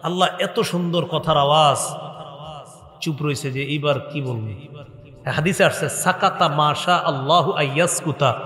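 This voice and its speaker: A man's voice: fairly high pitch, measured pace, fairly bright tone. A man preaching a storytelling sermon, quoting Arabic in a chant and calling out questions to the crowd. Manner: storytelling with call-and-response to the crowd. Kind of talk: Islamic sermon (waz). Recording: echoey PA with long reverb.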